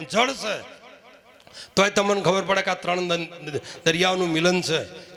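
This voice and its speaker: A man's voice: high-pitched, vocal fry, sharp tone. A man preaching at a village devotional gathering, who keeps asking the crowd rhetorical questions and sometimes chants verses. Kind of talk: devotional sermon with sung verses.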